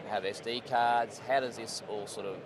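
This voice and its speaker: A man with an Australian accent and a slightly hoarse voice, doing a casual, matey interview on a trade show floor. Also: lowish voice, fairly even intonation, normal speed. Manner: informal, matey, slangy. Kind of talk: casual on-location interview chat. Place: busy trade show floor, at an exhibitor stand. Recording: busy trade show crowd noise. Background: crowd hubbub.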